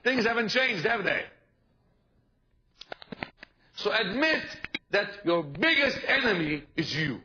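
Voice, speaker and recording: A man's voice: high-pitched, sing-song, normal speed. A man preaching a sermon, driving his points home by repeating them and calling out to the congregation. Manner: emphatic, repeats key points, asks the congregation to respond. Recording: dull, noisy live sermon recording.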